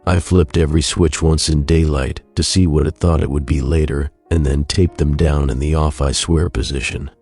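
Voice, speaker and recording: Male creepypasta narrator, very low bass pitch, somber measured horror storytelling, scripted first-person delivery, background music. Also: steady tone, darkish tone.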